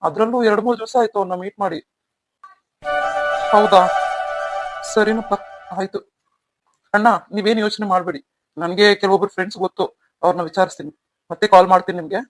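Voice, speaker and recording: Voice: medium pitch, steady tone, a little fast, pauses often, faint music behind, lightly acted. A voice actor playing an eager, respectful young male friend in a cartoon story.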